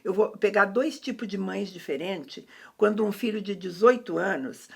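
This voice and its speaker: Woman, middle-aged, husky, gravelly, hesitant fillers, reflective faith chat host. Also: mid-range voice, moderate pace. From Brazil.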